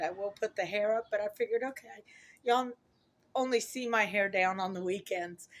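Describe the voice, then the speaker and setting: A middle-aged woman with a hoarse voice from talking a lot, chatting casually and ramblingly to her viewers as she corrects herself. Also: medium pitch. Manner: rambling, self-correcting, chuckles at own remarks. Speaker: vlogger. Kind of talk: casual chat to camera.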